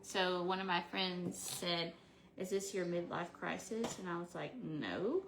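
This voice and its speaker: A woman's voice: lowish voice, measured pace, noisy background. A woman in her forties chatting casually to camera while painting a craft, rambling and talking to herself as she works. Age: 40s. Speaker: craft vlogger.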